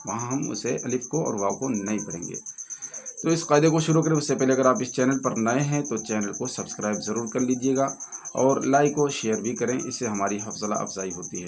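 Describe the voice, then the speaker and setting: In an Indian Urdu-Hindustani accent, a man teaches a Quran reading lesson, spelling out letters and vowels and then slowly blending them into words. His voice is mid-range, and there's slight background noise.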